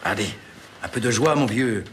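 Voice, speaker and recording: An actor playing a jovial, reassuring doctor with a hearty manner. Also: male voice, fairly low pitch, animated, moderate pace, a little hiss or hum, close to an everyday voice.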